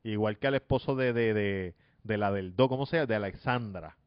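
A man with a Puerto Rican accent telling gossip in a casual chat as host, animated and full of retellings. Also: brisk, smooth, dry recording, highs cut off. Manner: animated storytelling, mimics others in a high shrill voice.

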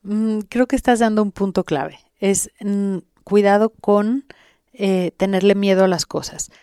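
A woman's voice: medium pitch, steady tone, measured pace, dark tone, clean tone, dry recording, clean studio sound. A woman with a Mexican Spanish accent, speaking as an interview guest in an instructive way, addressing the listener directly. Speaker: interviewed guest who guides sessions. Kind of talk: explanatory podcast interview.

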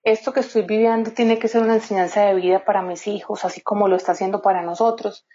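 A woman's voice: medium pitch, fairly even intonation, fast talker, dark tone. A woman guest in an interview, telling a personal story in an earnest, heartfelt way. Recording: slightly dull lo-fi sound.

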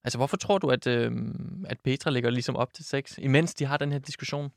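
A man hosting a book discussion, thoughtful and hesitant, pausing with fillers. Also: medium pitch, dry recording, studio quality.

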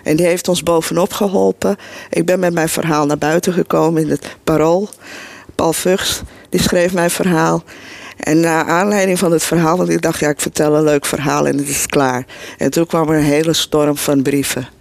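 A woman's voice: low voice, fairly even intonation, normal speed, creaky, a little mellow, no room sound. A middle-aged woman telling her own life story to an audience in an earnest, emotional and blunt way. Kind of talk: personal storytelling before an audience.

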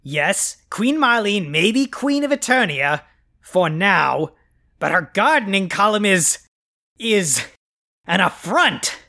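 Skeletor, an actor doing a bright, pompous villain. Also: medium pitch, very animated, full character voice. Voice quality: bombastic, grandiose proclamations. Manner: haughty, insulting, quick temper flares. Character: boastful male supervillain, pompous and theatrical. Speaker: podcast host. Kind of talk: comic scripted podcast.

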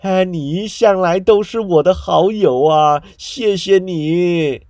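A man's voice: high voice, slow, a little mellow, no echo, studio quality, pitched above the performer's own voice. A man voicing a frightened old male miser who pleads in a shaky, raised voice, stammering. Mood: frightened pleading.

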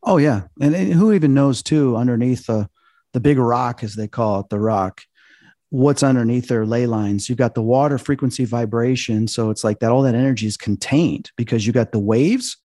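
A man's voice: mid-range voice, moderate pace, mellow, no echo, studio quality. Earnest man telling ghost stories. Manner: earnest storytelling, explains theories at length. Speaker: paranormal investigator guest. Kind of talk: casual podcast chat.

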